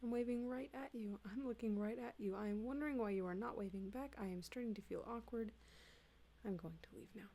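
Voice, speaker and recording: A woman reading humorous texts aloud in a soft, hushed ASMR style, slipping in and out of whispers, close to a desktop mic at home. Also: fairly high pitch, a little fast. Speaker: ASMR reader. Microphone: close desktop USB mic.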